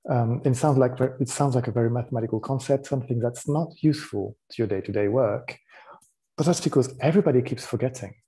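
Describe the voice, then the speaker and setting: A man's voice: medium pitch, fast. French-accented man giving a tech talk. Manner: relaxed explanatory, frequent ums and restarts. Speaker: conference speaker. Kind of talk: technical conference talk.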